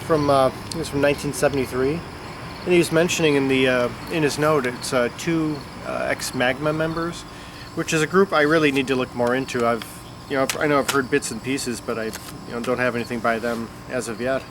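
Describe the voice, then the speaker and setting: Brisk and fairly even in intonation, a medium-pitched man from the Chicago area speaks through heavy congestion. The record-collecting vlogger rambles about music in a casual, unscripted chat to camera, fillers everywhere, recorded outside on a summer afternoon with insect and traffic noise.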